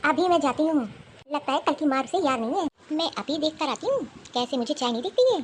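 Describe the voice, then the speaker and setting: A woman's voice: high-pitched, animated, brisk, a little hiss or hum. A woman voicing a domineering older mother-in-law in a cartoon, with a harsh, taunting, commanding manner. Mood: angry. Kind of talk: cartoon voice acting.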